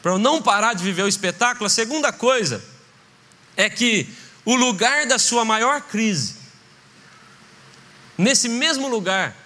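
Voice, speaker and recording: A man's voice: very high voice, lively intonation, unhurried, pauses often, sharp tone. A man pastor preaching a sermon with passion, acting out short voices in his stories. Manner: impassioned preaching, acts out voices in anecdotes. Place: church. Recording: reverberant church hall.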